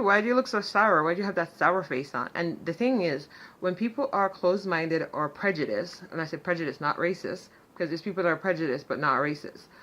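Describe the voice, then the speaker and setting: A woman telling a story in a casual vlog, chatty and animated, full of fillers and sarcastic asides. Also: deep voice. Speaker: vlogger.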